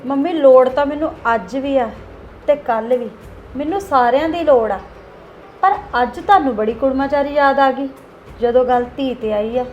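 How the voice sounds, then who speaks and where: A woman's voice: high voice, normal speed, muffled recording, soft background music, close to an everyday voice. A young woman playing a defiant, self-centred daughter-in-law who argues back in a family drama skit. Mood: accusing. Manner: argumentative, talking back.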